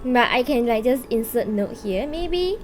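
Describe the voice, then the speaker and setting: A woman livestreams a game, chatting casually and playfully with viewers, often thinking out loud and using gamer slang with the odd swear word. Her voice is on the high side and animated, a little slow, with slight background noise and the game's soundtrack playing behind her.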